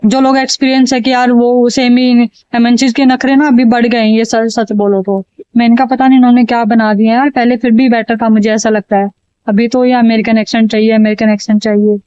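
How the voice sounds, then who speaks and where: A woman's voice: a little high, flat delivery, brisk, warm tone, clear, resonant tone, no room sound, lo-fi sound. A woman from India, ranting casually to camera in a vlog, chatty and exasperated, repeating phrases for emphasis. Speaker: vlogger.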